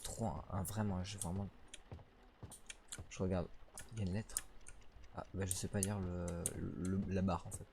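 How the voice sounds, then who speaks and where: A man doing casual let's play commentary on a horror game, excitable, swearing, laughing and yelling at the game. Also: low voice, measured pace, long pauses, background noise. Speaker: gamer. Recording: keyboard clicks behind the voice.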